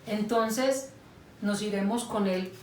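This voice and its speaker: A woman's voice: mid-range voice, a little mellow. A woman teaching a Bible lesson to small children, patient and checking that they follow along. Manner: slow, patient, asks children for agreement. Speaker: children's Sunday school teacher. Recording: echoey room, far from mic, faint noise.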